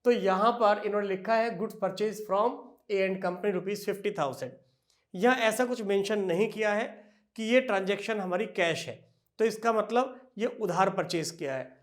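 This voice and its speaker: A man whose voice sits high delivers an accounting lecture, addressing his students fondly. He works through questions he answers himself and slows to a drawn-out crawl as he dictates entries.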